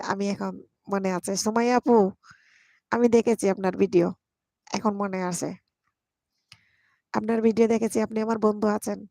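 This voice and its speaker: Young woman, live-stream host, affectionate and teasing, gravelly edge, dry close phone mic. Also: mid-range voice, dark tone, no room sound. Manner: affectionate, greets viewers one by one by name. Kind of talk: casual live stream chat reading viewer comments.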